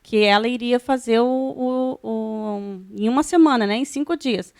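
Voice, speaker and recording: A woman's voice: fairly high pitch, a little slow, darkish tone, no echo, studio quality. A woman with a Brazilian Portuguese accent, a guest on a church TV talk show, speaking conversationally. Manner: conversational, frequent "né" tags. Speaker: guest, pastor's wife. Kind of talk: church TV interview.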